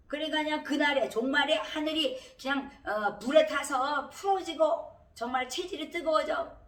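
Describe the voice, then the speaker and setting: A middle-aged woman pastor preaching with a fairly high voice. She talks in a chatty way and often rises into emphatic exhortations. The recording is roomy and echoey, and she sounds set back from the microphone. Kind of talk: sermon. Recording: roomy echo, heard from a distance.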